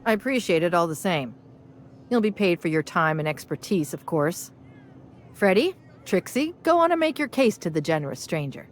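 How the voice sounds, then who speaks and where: A woman's voice: lowish voice, sing-song, normal speed, a little hiss or hum. An actress playing a stern, no-nonsense female bar owner in a game, firm and dry. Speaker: game character.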